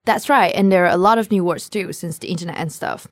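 Brief: female teacher-host from southern China, cheerful, slightly low voice, dry recording. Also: fast talker, no room sound. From Cantonese-speaking southern China. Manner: cheerful, playful. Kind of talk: scripted lesson banter.

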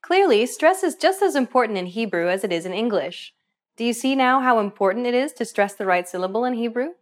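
A woman hosting a pronunciation course, narrating a scripted lesson in a clear, explanatory teacher's manner. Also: fairly high pitch, expressive, a little fast. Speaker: language course host.

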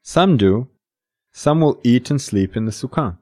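A man's voice: medium pitch, expressive, measured pace, mellow. A man co-hosting a scripted podcast, explaining traditions with a light, joking manner. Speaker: podcast co-host. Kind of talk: scripted educational podcast dialogue.

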